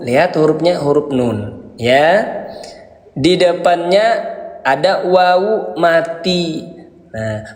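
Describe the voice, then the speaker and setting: A man teaches beginners in a slow, patient lesson, asking questions and answering them himself. His voice sits a bit high for a man. The room is echoey, with a long trailing reverb. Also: a little mellow. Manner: repeats and quizzes with questions, then answers himself; addresses parents as Ayah Bunda. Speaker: Quran reading teacher.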